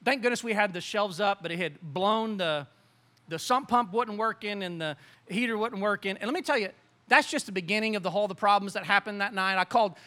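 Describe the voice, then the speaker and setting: Animated high-voiced male preacher. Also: brisk. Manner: animated, rambling with repeated restarts. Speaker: pastor. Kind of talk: sermon with storytelling.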